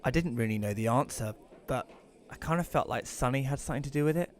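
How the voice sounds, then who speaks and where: Speaking fast in a natural, mid-range voice, a man plays an awkward, reclusive widower in an audio drama. He narrates reflectively in the first person and voices dialogue in an informal, conversational style.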